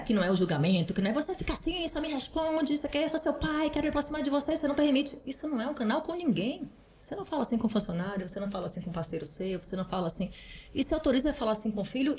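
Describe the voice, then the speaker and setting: A woman's voice: fairly high pitch, darkish tone, slight background noise. Woman giving parenting advice. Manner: earnest, advising, often adds "né". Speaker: parental counselor and psychoanalyst guest. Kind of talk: explanatory podcast conversation.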